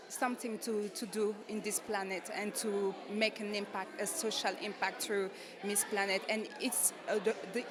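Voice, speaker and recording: Woman, mid-pitched voice, halting answers, crowd noise behind. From Senegal. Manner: hesitant, searching for words with many fillers. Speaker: beauty pageant contestant. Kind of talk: media interview answers.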